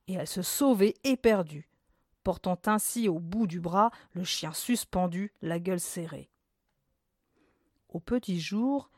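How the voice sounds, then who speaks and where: A woman reads a classic short story aloud in a measured, expressive way. Her voice sits in a middle register and comes through close and dry from a studio microphone. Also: mid-range voice, dry recording. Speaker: story reader. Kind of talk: literary reading for radio. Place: radio studio.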